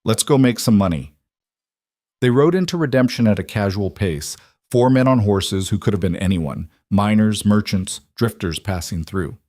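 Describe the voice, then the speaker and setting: Low-voiced man narrating a Western. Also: no echo, clean studio sound. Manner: steady and measured storytelling. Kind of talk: scripted Western story narration.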